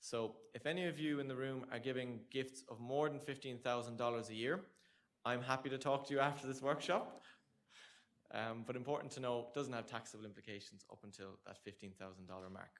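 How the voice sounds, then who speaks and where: Briskly and in a medium-pitched voice, a young man from Ireland jokes and chats his way through a tax information session for a room of students. His Irish accent is clear, and the setting is a lecture room with an audience.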